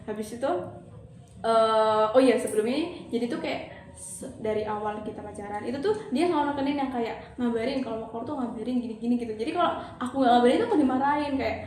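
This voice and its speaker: Young woman, high voice, fast chatty storytelling, echoey room with faint noise. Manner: animated, acts out quoted dialogue, frequent fillers. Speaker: counseling client. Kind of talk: casual personal storytelling.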